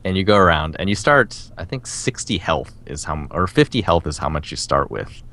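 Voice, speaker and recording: A man co-hosts a casual video game podcast, rambling enthusiastically and laughing often as he talks. His voice sits low but is sing-song, bright and forceful, and he speaks a little fast.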